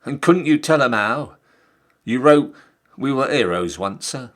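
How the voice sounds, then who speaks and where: A man voicing an old army troop sergeant in a verse recital, humble yet proud, making earnest, halting appeals. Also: medium pitch, expressive. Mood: pleading, proud. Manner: loud, earnest, halting appeals addressed to "sir".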